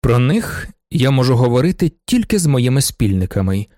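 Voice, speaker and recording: A composed merchant lays out a business proposal in a measured, persuasive voice, lower and steadier than the nobles around him, as a male reader voices him. The sound is dry and close. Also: sing-song, dark tone, no echo, lightly acted. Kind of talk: audiobook character voice.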